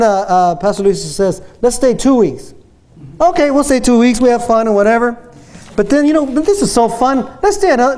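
Fifties guy preaching, playful, fairly high voice, headset mic in church. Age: 50s. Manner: animated, playful, asks the congregation questions. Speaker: pastor. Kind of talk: sermon with a tent prop. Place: church stage.

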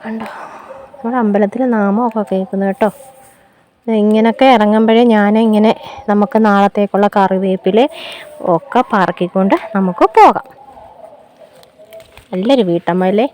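A woman's voice: medium pitch, steady tone, normal speed, pauses often, a little mellow. A woman from Kerala vlogging casually as she walks through a home garden. Her voice sits in the middle range, and she keeps prompting viewers to look and slips into playful mock laments. A faint outdoor hum runs underneath. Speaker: homemaker and vlogger. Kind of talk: casual walk-and-talk vlog.

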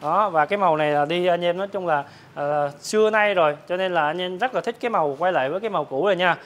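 A man, a motorbike dealer, giving a hard-sell promotional sales pitch to viewers, repeatedly rattling off prices. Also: fast, fairly bright tone. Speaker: motorbike dealer presenting his stock. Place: large open-sided metal-roofed motorbike warehouse.

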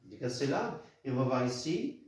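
A man teaching a literature lesson, halting and repeating words, counting syllables aloud. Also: mid-range voice, big pitch swings, a little mellow. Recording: very echoey room.

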